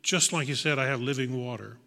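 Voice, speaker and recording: Bright-voiced man preaching in a reverberant hall. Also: medium pitch, fairly quick, vocal fry. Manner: earnest, reflective, with small restarts and emphatic repetition. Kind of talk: sermon.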